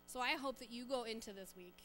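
A woman leading a children's sermon in a church, coaxing the children along with lively questions. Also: a little high, fairly quick, a little hiss or hum. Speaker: church children's message leader. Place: church sanctuary.

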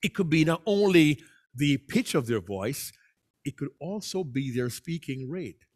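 A man presenting a public speaking workshop, explaining his points in an animated way and acting out voices as he goes. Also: a little high, unhurried.

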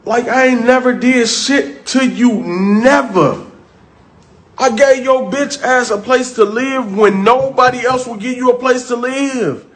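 A man with a strikingly high voice, pouring out a furious, profane rant as a landlord. He lurches between raw shouting and low, bitter muttering, and his voice keeps cracking with tears. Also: measured pace. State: emotionally overwrought, voice breaking with tears. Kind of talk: angry venting rant.

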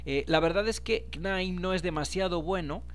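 A man's voice: high voice, moderate pace, smooth. Man explaining a screen tutorial. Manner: explanatory, addresses viewers directly. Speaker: instructor.

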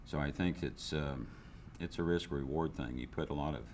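Recorded on a lapel microphone with a little hiss or hum, an older man who owns a business speaks frankly in a seated indoor interview. His rumbling low voice is a little mellow at a moderate pace, marked by frequent restarts and fillers.

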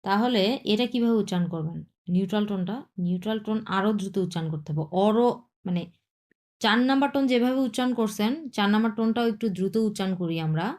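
A woman's voice: mid-range voice, quick pace, darkish tone. Patient woman teaching a language class. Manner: patient, repeats points and checks understanding.

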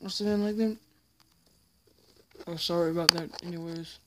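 A woman giving a casual, apologetic vlog update, rambling and halting with many restarts. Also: lowish voice, fairly even intonation, bright, forceful tone, a little hiss or hum. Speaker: YouTuber.

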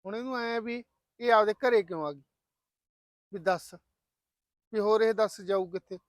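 A man with a Punjabi accent playing a kindly farmer brother who calmly reassures his sister. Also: high voice, moderate pace, dry recording, lightly acted. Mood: soothing. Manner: soothing, easygoing.

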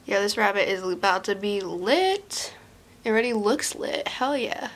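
A woman's voice: mid-range voice, lively intonation, a little slow. A young woman vlogging casually to camera indoors, talking in an informal, slangy, sweary way. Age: young adult. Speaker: video creator, channel host. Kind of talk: casual vlog chat to camera.

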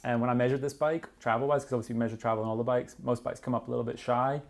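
A mountain bike magazine reviewer in his thirties chats casually about products in a small indoor studio workshop, hedging constantly with fillers like "like" and "kinda." His medium-pitched voice is flat, racing, and full of vocal fry.

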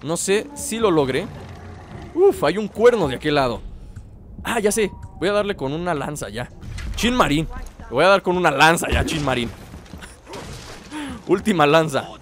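A young man with a Mexican accent giving chatty, excitable let's play commentary, talking to his companion as he plays. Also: fairly high pitch, moderate pace, a little hiss or hum. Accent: Mexican Spanish. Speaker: gameplay channel host.

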